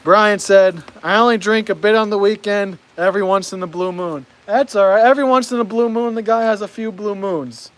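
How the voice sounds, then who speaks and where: A fairly high-voiced American man, a vlogger reading live chat, talks casually on an outdoor live stream at a brisk pace with hardly any pauses. He's chatty, laughs often, and stumbles over his words, while rain patters steadily in the background of the rough recording.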